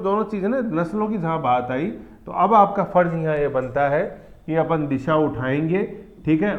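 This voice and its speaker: A man teaching an exam-prep class in a conversational way, often repeating points and checking in with the students. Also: fairly high pitch. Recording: dull lo-fi sound.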